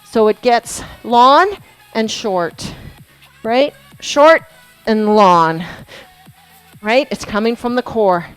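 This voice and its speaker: This rough recording has a woman fitness instructor guiding a core workout in a studio over background workout music. Her voice is a little high with a clean tone and slow pace, and she chats encouragingly, laughs often, and demonstrates moves as she talks.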